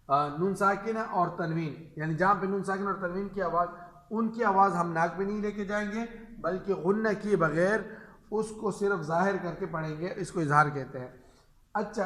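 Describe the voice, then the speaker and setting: A man with an Urdu accent teaching Quran recitation rules, speaking patiently and repeating each example slowly in a drawn-out chant. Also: high voice, bright, forceful tone, echoey room.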